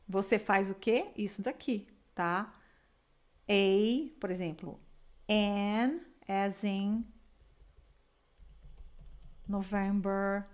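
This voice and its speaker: Brazilian woman, English teacher, casual explanatory tone, slightly high-pitched, keeps asking "ok?". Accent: Brazilian Portuguese. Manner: explanatory, constantly checks in with "tá?" and "ok?". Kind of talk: casual online language lesson.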